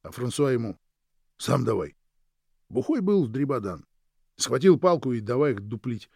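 A man voicing a worldly man who tells stories in a lively, animated way in a storybook reading. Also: medium pitch, normal speed, gravelly, no echo, studio quality.

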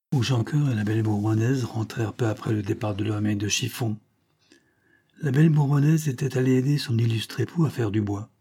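A man reading a novel aloud as an audiobook narrator, measured and dramatic. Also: fairly low pitch, dark tone, slightly rough. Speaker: audiobook reader. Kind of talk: scripted narration.

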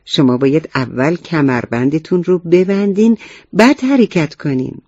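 A man's voice: fairly high pitch, expressive, a little mellow, dry recording. A man voicing an earnest first-grade boy who is a proud junior police helper, in a storybook reading. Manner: earnest, lecturing about rules. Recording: dull, muffled recording.

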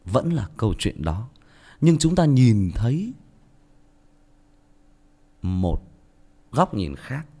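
A man's voice: mid-range voice, very animated, slow, pauses often, dark tone, slightly rough. A man with a Northern Vietnamese accent, an audiobook narrator talking bluntly and self-mockingly to his listeners in a casual monologue.

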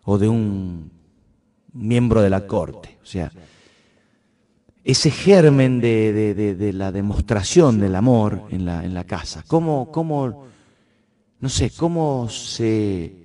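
A man's voice: lowish voice, animated, slow pace. A middle-aged man with an Argentine accent from San Juan, telling a story and then reflecting on it in an earnest, hesitant way, often restarting his sentences. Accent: Argentine Spanish, Cuyo (San Juan). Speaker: radio host. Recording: soft music underneath. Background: faint music.

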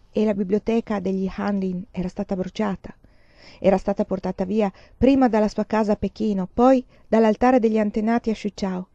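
A woman reading a novel aloud in a calm, measured way. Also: medium pitch, gravelly, no room sound, lo-fi sound. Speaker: reader.

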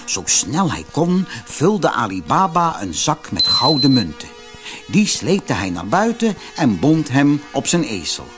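Lively male storybook narrator. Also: mid-range voice, unhurried, loud music behind the voice. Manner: lively, expressive reading with voiced characters.

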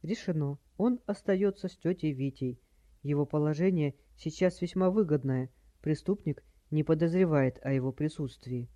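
A narrator reading a story aloud in steady audiobook style. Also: medium pitch, normal speed, no room sound.

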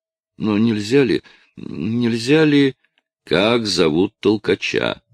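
Male reader as a firm, calm interrogating detective, low gravelly voice. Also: takes it slowly, no room sound, heavily acted.

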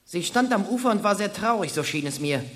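A sly servant rat. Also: male voice, sits high, expressive, a little fast. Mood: reporting. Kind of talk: radio play acting.

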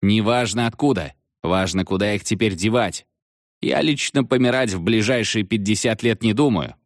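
A man voicing a seventh-grade schoolboy who shouts urgently down a payphone. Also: on the low side, no room sound, clean studio sound, close to an everyday voice. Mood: brash. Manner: loud, urgent, hurried shouting. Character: excitable schoolboy on a payphone, about thirteen.

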